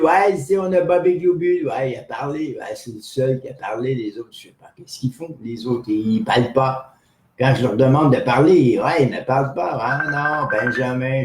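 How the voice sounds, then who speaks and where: A man voicing a rambling, boastful, cranky old man on an improvised comic live stream, insulting people and jumping into squeaky highs. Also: a little mellow, reverberant, natural voice.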